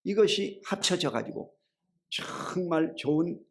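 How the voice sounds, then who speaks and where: A middle-aged man preaches a sermon in a gravelly voice that sits a little high. He keeps asking the congregation rhetorical questions and calling for amens, and he tells everyday stories in a chatty way that swings between loud and low. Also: measured pace. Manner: colloquial storytelling, shifts between loud and low. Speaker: pastor.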